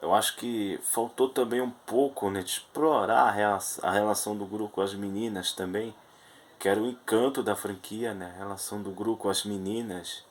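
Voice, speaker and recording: A man's voice: lowish voice, slight background noise, poor audio. A man with a Brazilian Portuguese accent giving a rambling, hesitant spoken film review, full of restarts.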